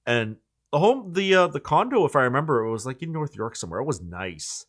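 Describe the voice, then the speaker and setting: A man's voice: mid-range voice, very animated, a little fast. A man in his forties, the channel host, chatting casually in a rambling way with many likes and restarts. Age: 40s. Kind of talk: casual chat.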